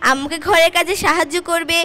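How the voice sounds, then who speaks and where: Woman as an earnest, high-voiced child puppet. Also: fairly even intonation, fast, pushed and bright. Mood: advising. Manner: earnest, explaining. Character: well-behaved, sensible child puppet who gives advice. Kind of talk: children's puppet show dialogue. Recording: very noisy puppet show recording.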